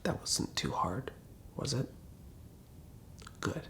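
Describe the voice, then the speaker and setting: A man in a hushed, breathy ASMR whisper, gently giving guided relaxation instructions with many pauses. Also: mid-range voice, big pitch swings. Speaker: ASMR host.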